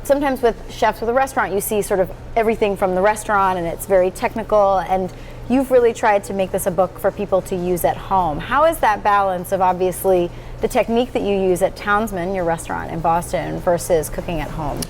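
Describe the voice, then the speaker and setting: A woman's voice: mid-range voice, fairly quick, soft background music. A woman hosting a food show, interviewing a chef in a friendly, enthusiastic way. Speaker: host and interviewer. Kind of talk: conversational interview.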